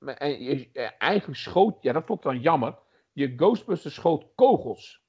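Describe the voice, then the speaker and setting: A man's voice: on the high side, big pitch swings, moderate pace, darkish tone, slightly rough. Rambling man, muffled lo-fi sound. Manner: rambling, many fillers and restarts. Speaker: podcast co-host. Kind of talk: casual chat about retro games.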